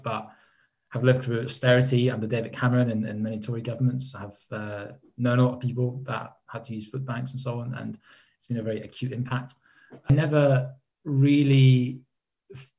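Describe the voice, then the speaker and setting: A man's voice: mid-range voice, warm tone. A young man from Poland in his twenties, a council candidate giving hesitant panel answers with many fillers.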